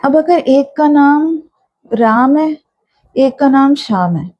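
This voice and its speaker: A woman's voice: sits high, lively intonation, slow, dry recording. A woman teacher, explaining a text to students step by step and mixing Hindi with English. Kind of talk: classroom lecture explaining a text. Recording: dull, muffled sound.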